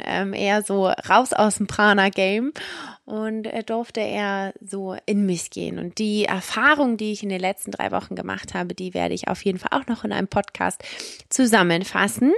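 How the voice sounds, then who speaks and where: A woman's voice: mid-range voice, gravelly, no echo, studio quality. A woman podcast host giving a personal, effusive introduction, repeating words for emphasis.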